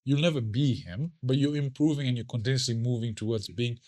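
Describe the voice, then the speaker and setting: A man's voice: medium pitch, brisk, darkish tone. A man hosting a podcast, earnest, often repeating words as he starts a thought. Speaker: podcast host. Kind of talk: casual podcast chat.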